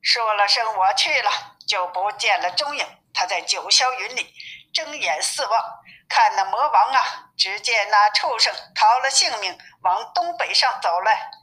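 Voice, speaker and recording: A woman reading a classic story aloud as a storyteller, with a lively manner that lifts for character quotes. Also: mid-range voice, unhurried, rough recording.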